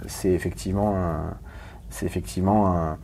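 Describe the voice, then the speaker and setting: A man from Paris, a guest talking candidly in an interview, rapid and emphatic with many restarts and questions to the listener. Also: low voice, fairly even intonation, gravelly, warm tone, a little hiss or hum. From Paris, France.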